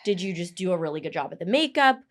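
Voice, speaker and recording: A woman hosting a podcast interview, reacting with quick enthusiasm and chatting casually. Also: on the low side, very animated. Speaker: podcast host.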